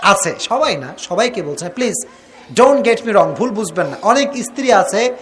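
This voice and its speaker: A male preacher giving a sermon to a crowd. He shouts questions at the listeners and wants loud replies, acts out quarrels between husband and wife, and mixes English phrases into his talk. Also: high-pitched, lively intonation, unhurried. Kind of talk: Bangla waz sermon to a crowd.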